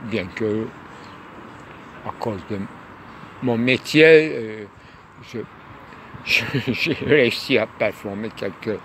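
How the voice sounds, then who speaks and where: A man musing aloud in a rambling monologue, hesitant and full of pauses and fillers, outdoors near a tunnel. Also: fairly low pitch. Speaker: lecturer. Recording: loud traffic noise behind.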